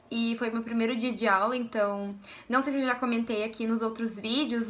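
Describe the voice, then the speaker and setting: A young woman from Brazil chats to camera in a casual vlog, her voice bright and clear. She pitches a little higher than most and bounces into the voices of the people in her stories. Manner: animated, acts out quoted voices. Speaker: vlogger.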